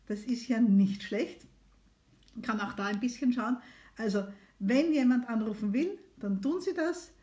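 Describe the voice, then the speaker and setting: Inviting viewers to phone in, a middle-aged doctor runs a casual live consultation stream in a chatty, encouraging manner. She speaks at a measured pace with a fairly high pitch and a warm tone.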